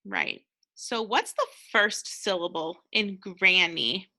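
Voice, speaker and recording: American teacher lady, super slow and bright, patient phonics lesson for little kids. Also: fairly low pitch, big pitch swings. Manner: patient, encouraging, pauses for answers. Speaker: second grade teacher.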